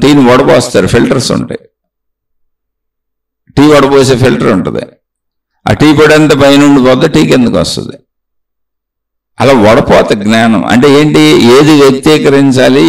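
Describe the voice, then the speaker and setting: A man's voice: medium pitch, gravelly, distant mic. A man giving an emphatic, repetitive spiritual talk, lecturing his listeners. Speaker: spiritual speaker.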